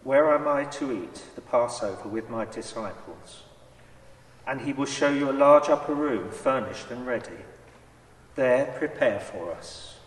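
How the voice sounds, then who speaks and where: A man playing Jesus as a solemn, measured, authoritative teacher in a dramatised church scripture reading. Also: mid-range voice, natural voice. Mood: grave. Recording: echoey church hall, far from mic.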